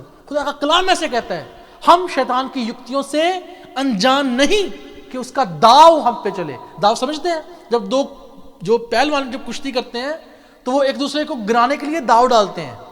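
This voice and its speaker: Animated male pastor preaching in a hall. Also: very high-pitched. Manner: animated preaching, asks the congregation questions, mixes in English. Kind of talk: sermon. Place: church hall.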